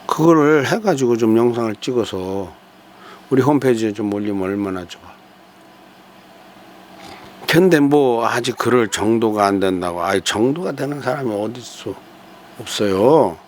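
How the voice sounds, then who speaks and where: A man's voice: mid-range voice, expressive, normal speed, long pauses, darkish tone, slight background noise. An older man hosting a talk, speaking in a folksy, digressive way with hesitant fillers and rhetorical asides. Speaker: host giving a talk on character and family. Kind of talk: rambling spoken commentary.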